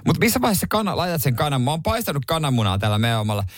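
A man co-hosting a radio morning show, chatting casually and getting animated when exasperated. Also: a little high, dry recording, studio quality. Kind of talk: casual studio banter. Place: radio studio. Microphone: studio microphone.

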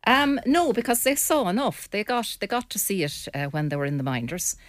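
A woman's voice: medium pitch, expressive, fairly quick, no room sound, studio quality. An older woman with a west of Ireland accent, talking casually and bluntly as a guest on a panel discussion. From Mayo, west of Ireland.

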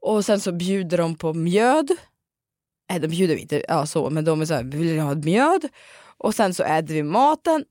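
A woman from Dalarna in Sweden, hosting a casual chat podcast and telling an animated story full of restarts and fillers. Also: lowish voice, no echo, clean studio sound. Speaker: podcast host.

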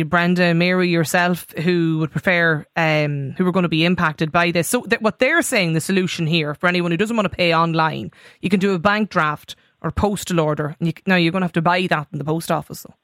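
A woman's voice: on the low side, a bit bright, no room sound. Female phone-in presenter, Irish accent, chatty live hosting, close dry studio voice. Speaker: radio phone-in host. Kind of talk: conversational live radio hosting. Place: radio studio.

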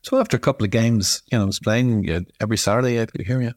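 A man from Ireland with a Dublin accent, telling a family story in a casual, lively way and acting out the people he quotes. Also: medium pitch, very fast, no echo, studio quality. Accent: Dublin Irish. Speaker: storyteller guest.

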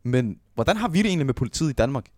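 A man's voice: medium pitch, very animated, darkish tone, no echo, clean studio sound. A man, co-hosting a podcast in casual chat, eagerly cutting in to add his side of the story. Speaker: podcast co-host.

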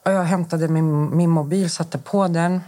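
A woman's voice: lowish voice, steady tone, mellow. Woman in her forties recounting events. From Sweden. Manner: recounts events in detail, acting out quoted dialogue with restarts. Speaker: podcast guest. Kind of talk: personal account in conversation.

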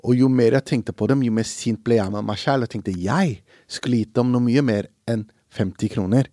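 A young man recalls a story in an interview, earnest and reflective, pausing often on fillers. His voice sits in a middle register and is recorded close and dry, with no room sound. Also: mid-range voice, mellow, no room sound. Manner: earnest, reflective, with frequent hesitations. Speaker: comic creator and interview guest.

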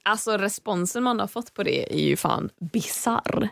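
A young woman hosting a podcast, telling a story in an animated, casual way, swearing freely and acting out what people said. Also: mid-range voice, vocal fry, no echo. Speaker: podcast host.

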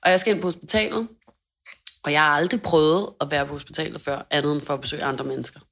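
A young woman co-hosting a casual chat, telling a story in an animated way, swearing freely and acting out quotes loudly. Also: low voice. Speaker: podcast co-host.

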